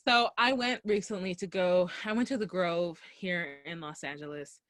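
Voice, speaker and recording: A woman's voice: fairly low pitch, normal speed, dry recording. Chatty young woman telling a story. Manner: animated, acts out quoted dialogue. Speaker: podcast co-host. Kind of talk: casual storytelling chat. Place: Los Angeles area.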